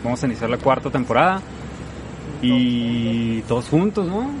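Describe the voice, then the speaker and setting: A man's voice: mid-range voice, expressive, moderate pace. A man with a Mexican accent hosting a casual live podcast chat in Spanish slang. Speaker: podcast host. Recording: noisy outdoor city ambience.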